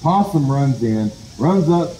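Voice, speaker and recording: A man from the Cherokee Nation telling a traditional folk tale in a casual, conversational, animated way at an outdoor event. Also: mid-range voice, slow, reverberant, slight background noise, rough recording. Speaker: storyteller. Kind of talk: oral folk storytelling. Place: outdoor heritage day event.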